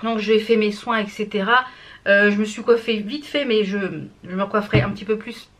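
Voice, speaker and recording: A woman vlogging casually to camera, hoarse and out of breath, chatty and full of hesitant fillers. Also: medium pitch, fairly even intonation, brisk, a bit bright. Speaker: beauty vlogger. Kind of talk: casual vlog chat to camera.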